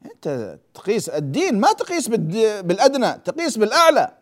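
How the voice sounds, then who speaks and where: Lively high-voiced man giving a hadith lecture. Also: fast talker. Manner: animated, asks the audience questions and answers them himself. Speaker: religious lecturer.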